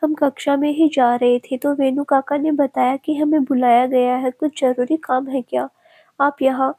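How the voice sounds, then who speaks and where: Woman reading a jittery schoolgirl dodging blame, high flat voice. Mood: nervous. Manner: nervous, quick excuses. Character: quick-witted schoolgirl, evasive.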